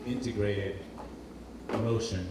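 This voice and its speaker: A man from Portugal, his voice lowish and fairly even in intonation, talks slowly through an informal designer's presentation. Hesitation marks his speech, and he repeats words as he gropes for phrasing. It was captured in an echoing indoor event space, and the recording is roomy, distant and noisy.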